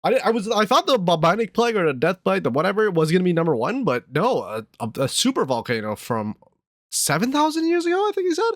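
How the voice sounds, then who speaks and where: Fast, animated male streamer reacting. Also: on the high side, dry recording, studio quality. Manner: slangy, exclamatory, swearing. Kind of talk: casual live reaction commentary.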